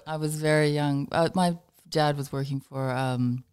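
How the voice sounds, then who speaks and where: Woman guest from Northern Ireland, low voice, soft-spoken and halting, trails off at the ends of lines. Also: steady tone, clean tone. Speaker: podcast guest, designer. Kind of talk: podcast interview chat.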